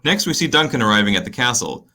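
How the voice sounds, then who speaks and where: Wry, bright-toned man narrating. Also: medium pitch, very animated, quick pace. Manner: wry, conversational. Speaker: narrator summarizing a play. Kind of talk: casual summary narration.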